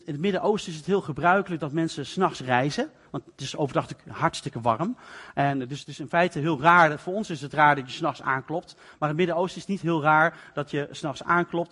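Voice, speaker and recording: High-voiced male preacher in a reverberant hall. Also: fairly bright tone. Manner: conversational, explanatory, acts out the story. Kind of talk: sermon. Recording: long reverb of a large hall.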